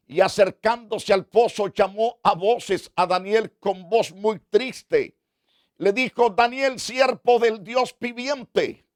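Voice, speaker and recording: Slow, high-voiced preaching pastor. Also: male voice, no room sound, studio quality. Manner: slow, deliberate preaching with repetitions for emphasis. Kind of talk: sermon retelling scripture.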